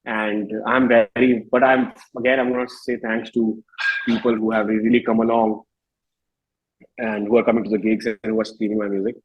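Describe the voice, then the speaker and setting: A singer-songwriter in his thirties with an Indian accent reflects informally during a casual interview, his speech full of tics like "you know." His lowish voice is flat at a moderate pace, and the audio is dull with slight background noise.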